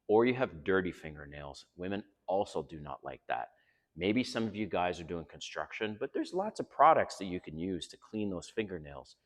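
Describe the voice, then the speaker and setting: An older Canadian man with a Canadian accent speaks straight to his viewers in a casual monologue, offering blunt, frank dating advice. His voice is lowish, and the audio has a long reverb tail.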